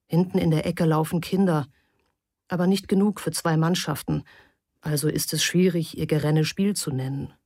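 A woman narrating a story in a calm, even, measured scripted reading. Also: sits low, no room sound, clean studio sound. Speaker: audiobook narrator.

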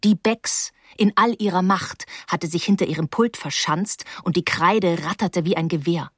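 A woman reading first-person narration for an audiobook in a lively, wry storytelling manner. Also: fairly low pitch, normal speed, breathy edge, dry recording, studio quality.

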